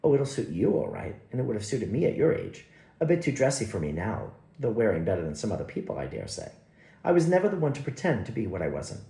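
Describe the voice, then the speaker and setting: A man's voice: lowish voice, wildly swooping pitch, quick pace, creaky, mellow, roomy sound, voice pushed down, heavily acted. A man voicing a dignified, opinionated older woman who works as a cook-housekeeper and rambles placidly. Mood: gossiping.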